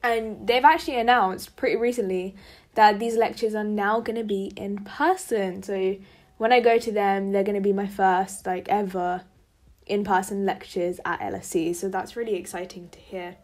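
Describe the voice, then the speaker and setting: A woman's voice: medium pitch, steady tone, moderate pace. A young woman, a university student, narrating her week in a casual vlog, chatty and full of fillers. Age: young adult.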